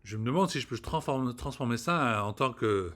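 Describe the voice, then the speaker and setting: A man's voice: medium pitch, lively intonation, brisk, a bit bright. Profane rambling man ranting. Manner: rambling, profane, restarts words often. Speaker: vlogger. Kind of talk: casual spoken rant to camera.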